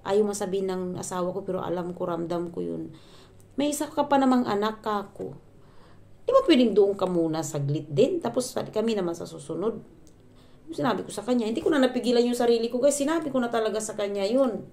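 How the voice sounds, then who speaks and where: A woman from the Philippines vlogs at home, venting in exasperation to her viewers in a casual, rambling chat full of fillers, restarts, and English words. Her mid-range voice is fairly quick, creaky, and darkish in tone.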